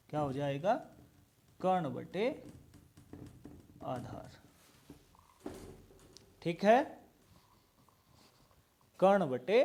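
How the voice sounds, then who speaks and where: A man's voice: a little high, a little mellow. A male maths teacher giving a classroom lesson, patiently repeating each step and asking questions aloud. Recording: very echoey room, mic far away.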